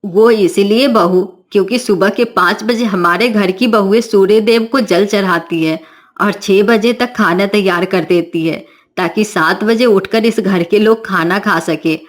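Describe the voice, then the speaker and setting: A strict middle-aged mother-in-law from a cartoon story, scolding and commanding, played by a woman who drops her voice low. Her lines come in firm, lecturing runs. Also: measured pace, natural voice.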